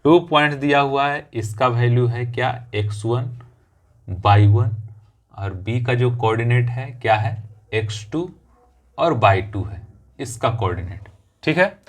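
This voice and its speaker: A male math teacher in a classroom who talks slowly and patiently. His voice sits in an ordinary middle range. He repeats each step and keeps checking with his students that they follow. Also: medium pitch. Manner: explains step by step, repeats phrases, often checks with "theek hai".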